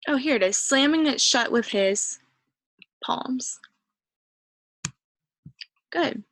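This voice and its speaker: A woman's voice: high voice, expressive, slow pace, fairly bright tone, no room sound. A woman teacher patiently going through a reading worksheet, encouraging students and thinking aloud as she searches the text. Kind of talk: reading comprehension lesson.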